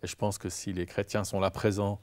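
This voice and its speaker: A man's voice: fairly low pitch, flat delivery, brisk, a little mellow. A man speaking as a guest in a studio interview, earnest and hesitant, often repeating words as he talks.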